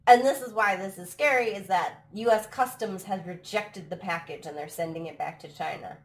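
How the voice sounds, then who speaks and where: In a relaxed chat on her live stream, broadcast from her home abroad, an American woman laughs often and sounds slightly throaty from allergies. Her pitch is medium and her speed normal.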